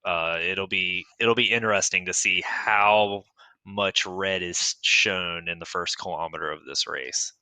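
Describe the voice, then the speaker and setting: A man's voice: low-pitched, steady tone, a little slow, pushed and bright, no room sound. A middle-aged man giving hesitant, filler-heavy analysis on a virtual cycling race broadcast. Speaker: guest analyst. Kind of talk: esports cycling commentary.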